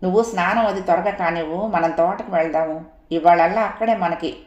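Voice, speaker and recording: A woman's voice: fairly low pitch, a little fast, darkish tone, dull audio, lightly acted. A woman voicing a teasing, chatty young man, a friend in a spoken story, recorded in an echoey room.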